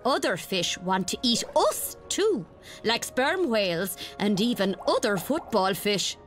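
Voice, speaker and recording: A woman with a British accent voicing a cheeky, sporty female deep-sea fish in an educational cartoon, playful and colloquial. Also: big pitch swings, unhurried, faint music behind. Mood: chatty.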